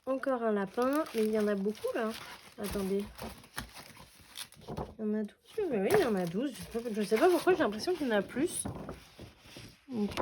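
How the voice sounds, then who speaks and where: A scrapbooking vlogger chats casually while unboxing scrapbooking paper, sounding enthusiastic and using plenty of fillers. Her voice is on the high side with a darkish tone. The room is noisy, with paper crinkling throughout.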